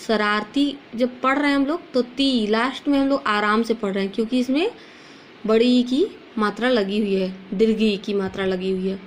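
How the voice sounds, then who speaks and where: A woman's voice: on the high side, slight background noise. A woman teacher gives a recorded lesson to young pupils. She poses questions and answers them herself, and drops English words into her speech.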